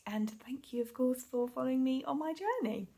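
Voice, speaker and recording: A British woman vlogging about her budget in casual chat, hoarse from a cold, a bit out of breath, apologetic and often dropping to a whisper while counting. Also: high-pitched, expressive, fairly quick, warm tone. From United Kingdom.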